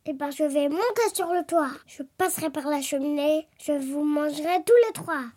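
A woman's voice: high voice, normal speed, mellow, close to an everyday voice. A woman putting on a hungry, threatening storybook wolf. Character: menacing hungry male wolf.

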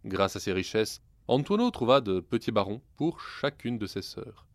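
A male storyteller with a low voice reads a fairy tale aloud. His delivery is scripted and wry, with an ironic turn of phrase. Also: lively intonation, normal speed, dry recording.

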